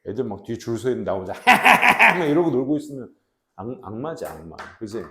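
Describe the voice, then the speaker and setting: A man in his forties teaching a high school English class in a casual, joking way, reading English slowly and translating it. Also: very animated, gravelly, pushed and bright, echoey room. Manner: chatty, jokes with students, asks them questions; reads English slowly, then translates into Korean.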